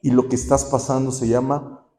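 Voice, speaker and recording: A man preaching a sermon at a rehab center's visiting day, impassioned with sudden soft, slow drops. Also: mid-range voice, little pitch movement. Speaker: pastor.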